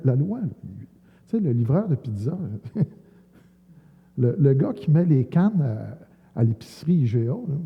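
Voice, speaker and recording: A man's voice: on the high side, creaky, slightly rough. A man with a Quebec French accent telling colloquial stories as a church testimony, recorded tinny with a long church echo. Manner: colloquial storytelling, many fillers. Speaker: evangelist giving testimony. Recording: tinny sound, long hall reverb.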